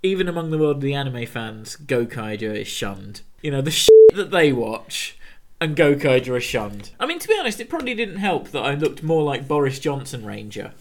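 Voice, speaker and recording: A man's voice: medium pitch, big pitch swings, a little fast. Dry, teasing man co-hosting. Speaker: podcast co-host. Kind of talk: comedic banter.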